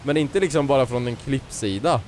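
Slight background noise sits under a mid-range male voice as a young YouTuber plays a co-op game. He keeps the talk loose and jokey, teasing his partner and getting excited.

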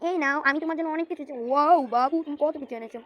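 Woman with a high voice, dubbing a comic cartoon alone. She plays every role, loud and full of exclamations. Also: lo-fi sound. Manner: loud exclaiming, rapid shifts between character voices. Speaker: channel voice performer. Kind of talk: comic cartoon dub, voicing every character.

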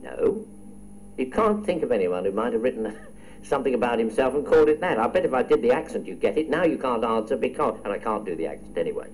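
A man hosting a radio quiz, his voice rising and falling in a lively way as he reads out questions. He teases the contestants with playful, chatty asides. A faint hiss sits under the recording. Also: mid-range voice, fast talker, rough recording. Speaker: quiz show host.

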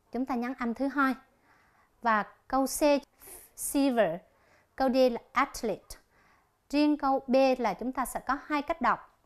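A woman teaching an English lesson on television, slowly explaining each exercise and reading the answer options aloud. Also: sits high.

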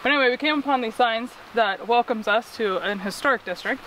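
A woman's voice: fairly high pitch, a little fast, a bit bright, poor audio. A woman hosting a casual RV travel vlog, chatting and explaining facts about a forest park. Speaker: RV travel vlogger. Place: outdoors in a rainy forest park. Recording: outdoor noise on the mic.

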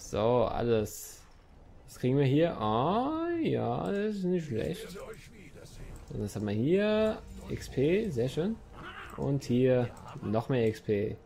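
A man's voice: medium pitch, very animated, slow pace, creaky, dark tone. A young man commenting on his own gameplay in a chatty let's-play style, talking to the game and his viewers and swearing now and then. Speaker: gaming YouTuber.

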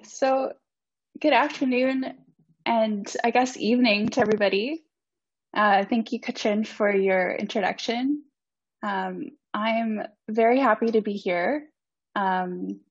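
Speaking at a medium pitch, a young woman in her twenties presents an academic conference talk via video call, politely and earnestly, with frequent ums; her first language isn't Icelandic. She's a student, recorded on a computer mic, and the audio is dry and slightly dull.

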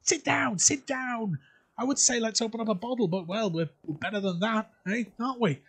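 Husky, high-pitched old miser. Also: male voice, fairly quick, fairly bright tone, heavily acted. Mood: wheedling nostalgia. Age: older. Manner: stammering, repetitive, pleading. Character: avaricious old miser, panicky and wheedling. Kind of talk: theatrical audio drama acting.

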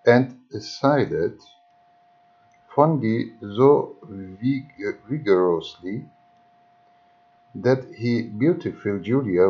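A man reading an old history book aloud, haltingly, often restarting words. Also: lowish voice, highs cut off. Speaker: reader. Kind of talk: slow audiobook reading of history.

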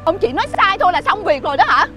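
A woman playing a middle-aged wife who scolds her cheating husband in shrill insults. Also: expressive, very fast, exaggerated voice. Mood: angry. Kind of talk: low-budget moral skit acting. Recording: loud music bed behind.

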